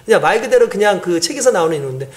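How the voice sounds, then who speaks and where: Speaking rapid-fire in a high-pitched voice, a male pastor delivers an animated, conversational sermon. He puts questions to the congregation and performs the voices of the characters in his stories.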